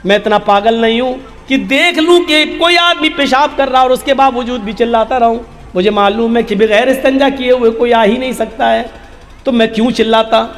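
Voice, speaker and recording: A man's voice: extremely high pitch, soft background music, pitched below the performer's own voice. A man voicing a humble, deferential male servant who pleads earnestly, retold in a sermon with long hall reverb. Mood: pleading.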